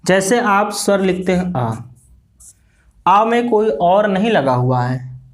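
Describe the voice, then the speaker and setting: Writing on the board during a classroom grammar lesson, an Indian man with an Indian accent slowly repeats phrases and poses questions he then answers himself. His voice sits high and he sounds animated.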